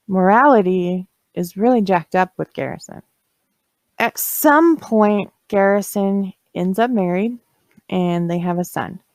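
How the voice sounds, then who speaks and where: Gravelly-voiced woman narrating true crime. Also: mid-range voice, a little mellow, dry recording. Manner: opinionated, blunt asides. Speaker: true crime podcast host.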